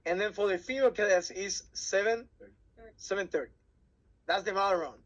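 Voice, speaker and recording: In a workshop briefing, this Puerto Rican cadet program instructor, whose first language is Spanish, walks cadets through an exam in Puerto Rican Spanish-accented English. His voice is high for a man and a bit bright, and he keeps halting, restarting, and repeating words while searching for them. The audio is muffled and lo-fi.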